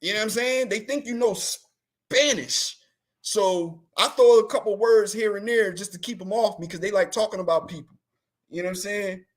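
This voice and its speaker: The host's voice sits high and moves at a moderate pace as he chats casually and comically on his show, slangy, rambling, and quick to laugh.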